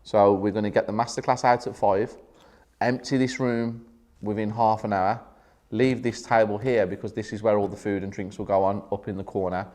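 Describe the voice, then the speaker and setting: A man's voice: fairly low pitch, little pitch movement, moderate pace, darkish tone. A young man, a property developer, talking upbeat and direct to viewers in a casual vlog at his office. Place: office headquarters, indoors.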